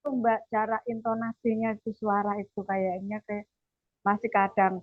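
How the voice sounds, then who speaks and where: A woman's voice: mid-range voice, level tone, moderate pace. A woman participant in an online workshop, asking hesitantly about her own voice. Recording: tinny phone-like line.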